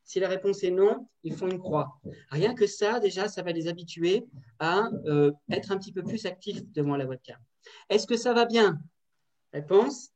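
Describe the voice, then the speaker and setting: A woman teacher trainer leading an online workshop, lively and directive, often checking in with the group over a video call. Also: fairly low pitch, normal speed. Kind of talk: online workshop on classroom activities. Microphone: computer mic on a video call. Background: building works next door.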